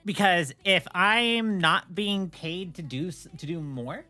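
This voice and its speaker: A woman's voice: on the low side, slow pace, soft background music. A woman chatting casually on a livestream, telling stories in a blunt, opinionated way. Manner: opinionated, blunt, animated storytelling with swearing. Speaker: streamer, host.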